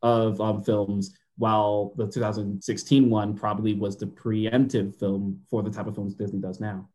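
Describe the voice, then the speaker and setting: A man's voice: fairly low pitch, flat delivery, moderate pace, dark tone. A man talking as a guest on a casual podcast, informal and teasing, explaining his thoughts in long winding sentences. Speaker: podcast guest, young adult show creator.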